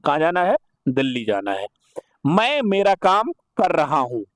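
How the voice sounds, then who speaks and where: A man's voice: on the high side, very animated, unhurried, no room sound, studio quality. A man teaching an exam-prep Hindi grammar lesson. He asks rhetorical questions, answers them himself, and repeats each correct form for emphasis.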